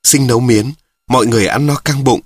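A man narrating a story in a steady, matter-of-fact way. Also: medium pitch, brisk, slightly rough, dry recording, studio quality. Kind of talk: audiobook narration.

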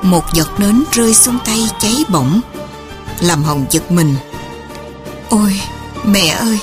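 A woman narrating a story in a soft, measured and dramatic reading. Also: fairly low pitch, lively intonation, music in the background.

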